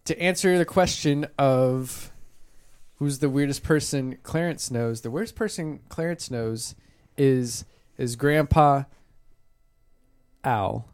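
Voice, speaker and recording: A man's voice: mid-range voice, slow pace, darkish tone, smooth. Laid-back joking man at a game table. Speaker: podcast host and editor. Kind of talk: casual chat while playing a tabletop game.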